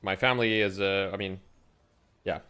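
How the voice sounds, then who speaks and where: Laid-back streamer, low voice. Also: male voice, steady tone, normal speed, sharp tone, smooth. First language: French. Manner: laid-back and chatty, with many fillers and restarts. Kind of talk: casual live-stream chat, reading and answering viewer questions. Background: faint music.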